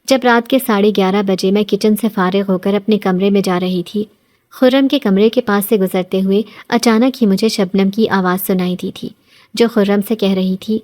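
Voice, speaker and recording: A woman's voice: mid-range voice, steady tone, a little mellow. Woman reading a horror story. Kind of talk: scripted horror story narration.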